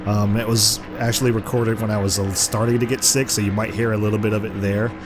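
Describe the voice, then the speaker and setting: A gaming commentator, hoarse and congested from the flu, gives casual play-by-play over a racing video game in a fairly low voice at a quick pace. His excited commentary rises sharply at crashes, with game music and engine noise underneath.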